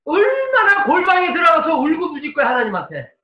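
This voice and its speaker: A male pastor preaching a dramatic sermon, moving between soft pleading and forceful shouting. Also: very high-pitched, wildly swooping pitch, brisk, muffled recording. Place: church sanctuary. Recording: echoey room, mic at a distance.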